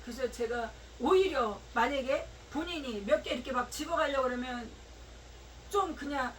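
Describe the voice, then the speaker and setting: High-voiced Korean woman pastor, emotional sermon. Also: normal speed, far from the mic, slight background noise, low-quality recording. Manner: emotional storytelling, voice rising to shouts and near tears. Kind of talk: sermon with a personal story. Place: small church sanctuary.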